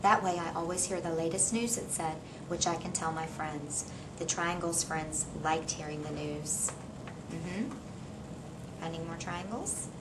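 In a small classroom reading corner, a middle-aged teacher reads a storybook aloud to a kindergartener, encouraging the child and prompting with questions. Her voice sits low, with fairly even intonation and an unhurried pace. A camera a few meters off picks her up, so the room sounds noisy and distant.

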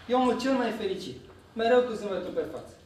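A man giving a live reading of his poetry to an audience, in a dry, deadpan manner. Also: high voice, slight background noise. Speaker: poet reading his work. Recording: very echoey hall, voice from far off.

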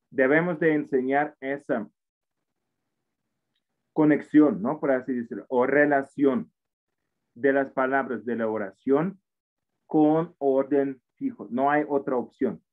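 Over a tinny, phone-like call line, a medium-pitched language teacher whose first language is Russian gives an online English lesson conducted in Spanish. His style is explanatory, full of tag questions and restarts.

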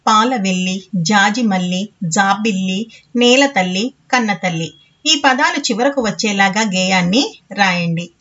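A woman's voice: a little high, fairly bright tone. Patient woman teaching Telugu grammar. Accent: Telangana Telugu. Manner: slow, patient, repeating words for children. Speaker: primary school Telugu teacher. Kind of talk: classroom lesson explanation. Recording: slightly dull lo-fi audio.

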